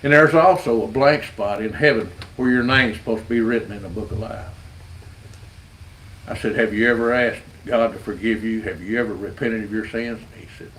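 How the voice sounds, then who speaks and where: A man's voice: fairly low pitch, moderate pace, fairly bright tone, slight background noise, poor audio. A man, a street rodder giving an earnest, folksy evangelistic testimony and often repeating words as he goes. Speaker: street rodder sharing his faith.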